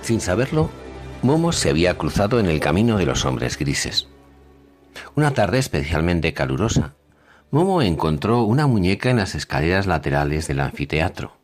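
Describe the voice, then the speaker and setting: A man reading a story aloud in an expressive narrating style. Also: low-pitched, normal speed, soft background music.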